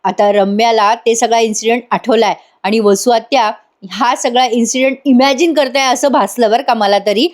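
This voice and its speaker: A woman's voice: fairly high pitch, fairly even intonation, normal speed, few pauses. A woman narrating a voice-over recap of a TV serial, chatting directly to viewers. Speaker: serial reviewer.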